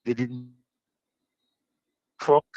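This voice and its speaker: A man's voice: very slow, mellow, no room sound. Male caller, blunt and clipped, dull dry phone line with a stuttering signal that breaks up. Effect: choppy cell signal that cuts in and out. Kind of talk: call-in radio comment. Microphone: phone call.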